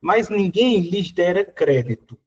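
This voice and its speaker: A man's voice: high-pitched, animated, measured pace, husky, muffled recording. A Brazilian Portuguese man teaching, working through exam questions in a casual, conversational way, full of little fillers.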